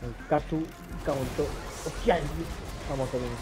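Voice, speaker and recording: A man's voice: mid-range voice, fairly even intonation, brisk, music in the background. A man chatting casually while playing along, making wry remarks and swearing. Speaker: co-player. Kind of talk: casual gameplay chat.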